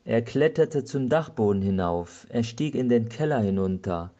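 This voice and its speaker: A male pastor giving a slow, measured Advent sermon. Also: mid-range voice, expressive, mellow, lo-fi sound.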